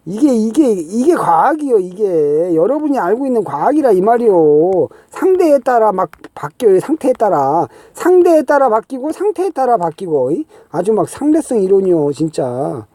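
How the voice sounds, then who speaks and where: A man's voice: sits high, sing-song, normal speed, few pauses, warm tone, no echo. A middle-aged man, talking through a rambling, exasperated explanation, full of fillers and rhetorical "huh?" checks. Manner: exasperated, scoffing, filler-heavy with constant "ye" and "eung?". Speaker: channel host.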